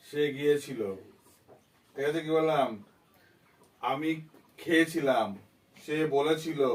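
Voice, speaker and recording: A man's voice: on the high side, recorded from a distance. A man with a Bengali accent tutoring a child in English grammar, asking coaxing, repetitive questions. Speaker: teacher.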